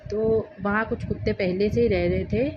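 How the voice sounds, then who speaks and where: A middle-aged woman from Gujarat telling a personal story in a casual vlog, speaking slowly and earnestly and acting out both sides of a dispute. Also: mid-range voice, fairly even intonation. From Gujarat, India. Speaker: vlogger. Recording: muffled lo-fi with clear background noise.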